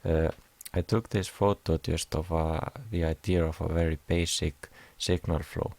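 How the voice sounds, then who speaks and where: A man's voice: rumbling low, steady tone, unhurried, creaky, a little mellow, dry recording. A young man from Iceland, hesitantly explaining a class assignment over slides, with many fillers. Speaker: music production student.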